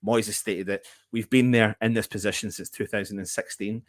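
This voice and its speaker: A man's voice: on the low side, fairly even intonation, a little fast, dry recording, clean studio sound. A man hosts a football fan live show, chatting casually and chummily with viewers and commenting on club news. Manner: chummy, greets viewers as mate.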